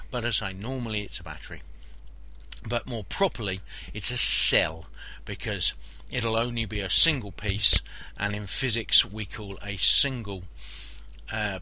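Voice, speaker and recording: Bright-voiced man teaching physics informally. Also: medium pitch. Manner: conversational, repeating key points for emphasis. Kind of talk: informal lesson talk. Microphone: body-worn mic near the shirt.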